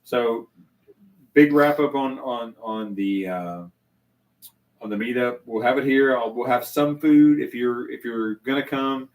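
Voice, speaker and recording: A man's voice: medium pitch, unhurried, far from the mic, low-quality recording. An older man hosting a casual live chat from his home bar, rambling with many restarts and fillers. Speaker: channel host.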